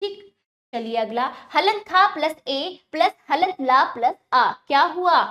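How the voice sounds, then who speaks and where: Animated and forceful, with a bright, high voice, a woman leads a grammar lesson for small children. She asks them questions patiently, then supplies the answers herself, and spells out example words slowly with stress on each.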